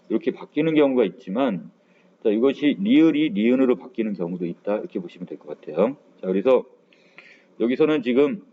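A male teacher giving a recorded grammar lecture, explaining step by step and starting most phrases with a drawn-out filler. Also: medium pitch. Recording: tinny phone-like recording with faint hiss.

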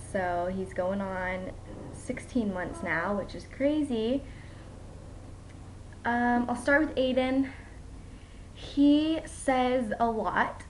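A tired young mom chatting slowly into her camera at home, her toddler nearby. She rambles along with plenty of ums and likes in an unhurried, easy way. A faint background hiss sits under her voice. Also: on the high side, low-quality recording. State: tired from poor sleep. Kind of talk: casual home vlog update.

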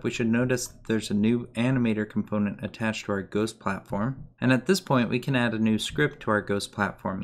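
A man giving a methodical step-by-step game development tutorial as a voice-over. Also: medium pitch. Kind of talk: screen-recorded coding tutorial.

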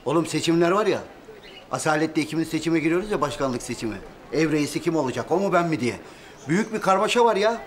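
Fast, brash, bossy brother-in-law played by a man. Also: fairly high pitch, animated, close to an everyday voice. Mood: sarcastic ribbing. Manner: brash, rattling questions and repetitions. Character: bossy, teasing brother-in-law shopkeeper, blustery and sarcastic. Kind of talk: TV comedy drama acting. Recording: noisy location ambience.

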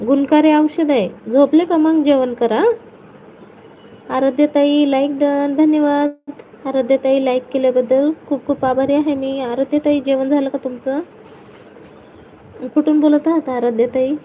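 A woman's voice: high voice, lo-fi sound, a little hiss or hum. A woman hosting a casual live stream, greeting viewers by name and teasing them playfully.

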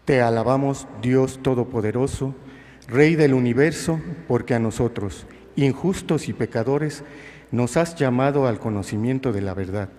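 A man leading prayers at Mass, reading liturgical intercessions in a formal, measured way. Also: mid-range voice, dark tone. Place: large reverberant church. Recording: long church reverb.

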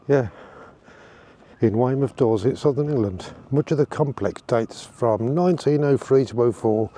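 Mellow-voiced man rambling on a walk. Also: medium pitch. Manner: relaxed, rambling with fillers. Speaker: vlogger giving a walking tour. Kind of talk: casual walking commentary. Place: outdoors on town streets.

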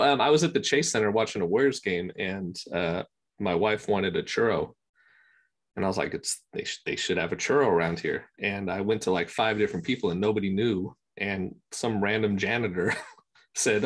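A man, a guest on a video call interview, talking in a relaxed, rambling way with many fillers. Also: fairly low pitch. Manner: relaxed, rambling, many ums and you knows. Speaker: interview guest, scanning service provider. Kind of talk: casual conversation.

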